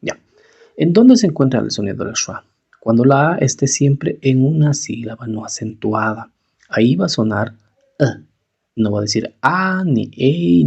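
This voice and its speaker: A man teaching English pronunciation, slowly repeating each word several times. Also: mid-range voice, vocal fry, a little mellow, slightly rough. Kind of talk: pronunciation lesson. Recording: dull, lo-fi recording.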